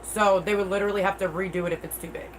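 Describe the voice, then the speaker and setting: This middle-aged livestream host speaks to her viewers in a casual, candid, unpolished way with mild swearing. Her toothless-sounding speech sits at an ordinary female pitch, racing along with fairly even intonation, and faint room noise is audible.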